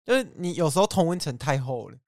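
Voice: mid-range voice, expressive, quick pace, a little mellow, no echo, clean studio sound. Podcast co-host joking and musing. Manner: joking interjections, then reflective remarks. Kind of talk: casual chat.

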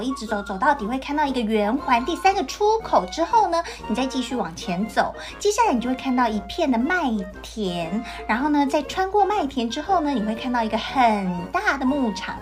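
A woman voicing a clever, scheming male cat in boots in a storybook reading, talking eagerly and pleading. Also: sits high.

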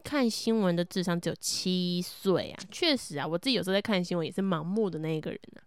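A woman co-hosts a casual podcast, chiming in with quick, agreeing remarks. Her voice is smooth and clear, with a lively, moving pitch. The recording is close and dry. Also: no echo. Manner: quick supportive interjections. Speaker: podcast co-host.

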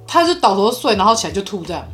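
A woman's voice: medium pitch, very fast, over loud music. A woman in her thirties with a Taiwanese Mandarin accent, hosting a podcast and telling stories in casual chat while laughing often. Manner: laughs often, animated storyteller. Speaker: podcast host, mother.

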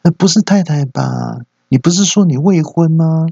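A coquettish young hostess drawls her announcements, played by a man. The voice is high and gravelly, with a dull sound. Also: normal speed, warm tone, no echo.

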